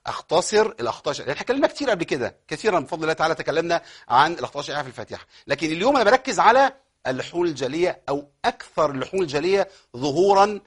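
A man with an Egyptian accent teaching Quran recitation rules. He explains common mistakes, then recites words slowly and repeats them. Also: fairly high pitch, a bit bright, slightly rough. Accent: Egyptian Arabic. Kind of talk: tajweed lesson with recited examples.

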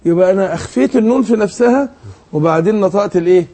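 A man with an Egyptian accent leads a Quran recitation lesson in a raised but mellow voice. He explains each rule patiently and keeps asking his student to fill in the answers. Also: sits high, breathy edge. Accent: Egyptian Arabic. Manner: explains patiently, asks leading questions, demonstrates slow recitation. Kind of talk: tajweed lesson.

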